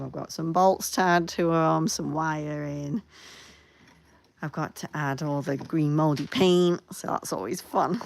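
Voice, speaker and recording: Brief: young woman streamer, low pitch, gravelly edge, chatty and easily amused as she crafts. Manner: chatty, laughs often, talks while working with her hands. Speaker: livestreamer making costume pieces. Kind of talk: casual craft livestream chat.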